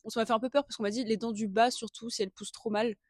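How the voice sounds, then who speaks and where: A woman's voice: a little high, fairly even intonation, rapid-fire, a little mellow, dry recording. Young female co-host, early twenties, giggly and slangy, casual storytelling, close dry sound. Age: early 20s. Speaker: podcast co-host. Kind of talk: casual chat, personal storytelling.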